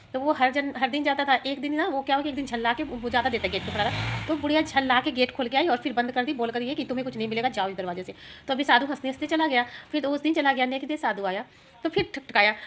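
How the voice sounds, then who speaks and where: Fast, bright-voiced woman speaker. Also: sits high, a little hiss or hum. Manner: earnest, rambling explanation. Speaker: spiritual speaker. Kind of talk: spiritual talk with storytelling.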